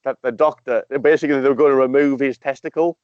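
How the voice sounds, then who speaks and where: A man hosting a casual chat over a call, recalling stories with halting restarts. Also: medium pitch, steady tone, dry recording. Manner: hesitant, repeats words while recalling. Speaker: podcast host. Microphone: video call. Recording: dull dry call audio.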